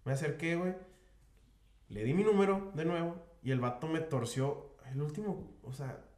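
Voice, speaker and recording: A man's voice: on the high side, normal speed, echoey room. A man with a Mexican Spanish accent, slightly nasal, casually telling a story on a podcast, full of slang. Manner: slangy, animated anecdote teller, peppers speech with "güey". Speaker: podcast host.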